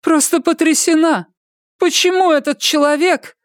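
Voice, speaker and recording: A woman's voice: steady tone, moderate pace, no echo, studio quality, natural voice. Narrator putting on a quavering, fussy old woman. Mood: shaken. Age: older. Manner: high quavering pleas. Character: shaken elderly woman, fussy and plaintive.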